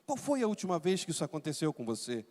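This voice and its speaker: A middle-aged Brazilian man preaching a sermon as pastor, with emphatic delivery, dramatic pauses and rising shouts. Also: on the high side, very animated. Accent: Brazilian Portuguese. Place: large church sanctuary. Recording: long hall reverb in a church.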